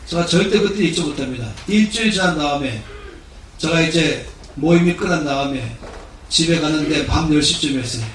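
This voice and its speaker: A man's voice: fairly high pitch, fairly bright tone, recorded from a distance, a little hiss or hum. A man in his sixties, a pastor giving a sermon, telling his story earnestly. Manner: earnest storytelling, acting out quoted speech. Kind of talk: sermon with personal testimony. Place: large church hall. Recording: echoey hall recording from afar.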